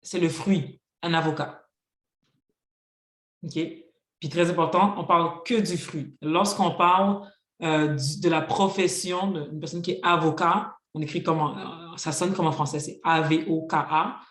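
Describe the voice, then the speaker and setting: A teacher works through a grammar lesson at a patient, even pace. Each rule gets an example, and "ok, donc" keeps coming back between points. The voice carries a roomy classroom echo at a middle pitch. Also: unhurried. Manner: patient, spells out rules with examples, frequent "ok, donc" fillers. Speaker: Haitian Creole teacher.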